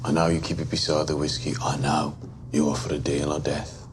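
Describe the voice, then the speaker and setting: An actor with a Birmingham accent playing a composed gang leader who speaks tersely, levelly and with tight control. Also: male voice, rumbling low, completely flat delivery, brisk, noisy background. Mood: cold. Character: cold, composed Birmingham gang leader, young adult man.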